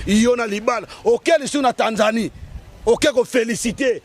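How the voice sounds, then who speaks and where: Emphatic Congolese man, high voice. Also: moderate pace. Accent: Congolese French. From Democratic Republic of the Congo. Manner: emphatic, mixing languages, repeating points. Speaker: guest. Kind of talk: heated political chat.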